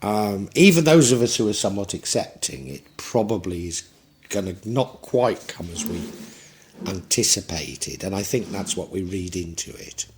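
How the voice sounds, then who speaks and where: A man's voice: low-pitched, animated, normal speed, slight background noise. Older man musing over a tarot reading. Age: 60s. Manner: reflective, rambling with restarts. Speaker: tarot reader.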